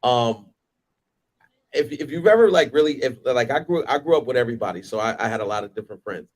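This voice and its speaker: A man co-hosting a casual panel talk, animated and rambling, with lots of restarts. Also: medium pitch, quick pace, low-quality recording. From United States. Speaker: podcast co-host.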